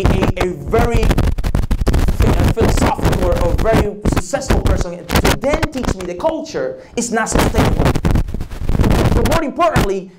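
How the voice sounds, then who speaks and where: Speaking in a high voice, this man from the Dominican Republic, a native Spanish speaker, teaches leadership at a church summit. He is repetitive, drilling key phrases and quizzing listeners, and the church live-stream is noisy.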